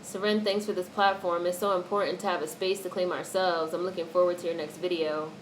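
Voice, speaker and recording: Hosting a casual livestream, a woman reads chat comments aloud and answers them bluntly, full of opinions and swearing freely. Her voice is fairly low, level in tone, and fairly quick. The audio is noisy, with background noise behind her.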